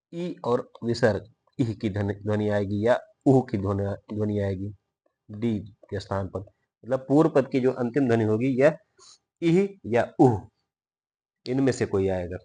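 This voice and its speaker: A man's voice: mid-range voice, a little mellow. A man teaching grammar in a recorded video lesson, explaining step by step, posing questions and answering them himself, and drawing out example words to show how they are pronounced.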